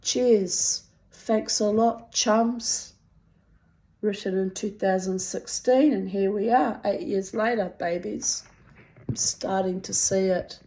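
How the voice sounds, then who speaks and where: Woman, middle-aged, broad New Zealand accent, unhurried pace, wry dramatic phrasing, confessional reading of personal prose. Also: medium pitch, fairly even intonation, warm tone, rough recording. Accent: strong New Zealand (Kiwi). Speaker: writer reading own personal writing.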